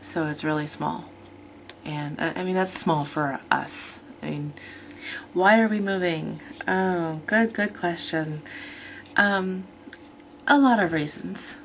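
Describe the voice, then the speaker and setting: A woman's voice: fairly low pitch, slow, creaky, slight background noise. A woman in her thirties talking casually in a rambling, chatty personal vlog, often correcting herself. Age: 30s. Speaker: vlogger.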